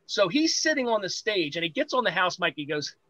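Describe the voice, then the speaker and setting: High bright-voiced storytelling man. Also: a little fast, dry recording, poor audio. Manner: lively anecdote-teller, acts out quoted voices. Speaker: podcast guest, pro wrestler. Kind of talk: animated storytelling.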